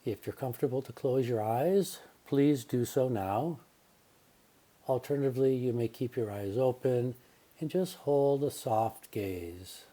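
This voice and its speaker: In a medium-pitched voice, a man leads a yoga nidra relaxation practice. He stays calm and gentle and takes his time between phrases.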